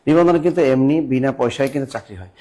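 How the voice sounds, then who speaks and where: A young adult man teaching a live online exam-prep class, spelling words out slowly, quizzing viewers and reading their comments aloud. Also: medium pitch, mellow.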